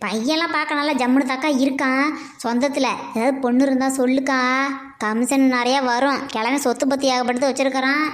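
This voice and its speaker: A woman's voice: high-pitched, fairly even intonation, a little fast, close to an everyday voice. A woman voicing a scheming, pushy female marriage broker in a cartoon, with a wheedling manner, recorded with a roomy echo. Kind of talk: cartoon voice acting.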